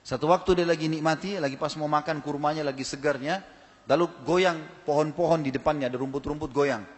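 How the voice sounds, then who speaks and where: An emphatic male preacher addresses a gathered audience, pressing them with rhetorical questions. His voice sits fairly high for a man. The sermon rings through a large, reverberant hall. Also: brisk.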